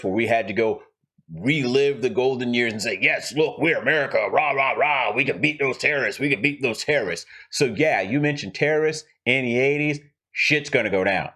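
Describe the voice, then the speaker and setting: A man's voice: mid-range voice, fairly bright tone. A middle-aged man hosting a casual film commentary, chatty and digressive with self-deprecating asides. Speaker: host and screenwriter.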